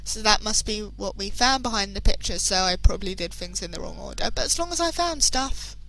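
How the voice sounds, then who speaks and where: A woman's voice: medium pitch, animated, fairly quick, creaky, fairly bright tone, a little hiss or hum, rough recording. A British woman casually commentating a horror game playthrough, chatty and self-deprecating with frequent hesitations. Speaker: gameplay commentator.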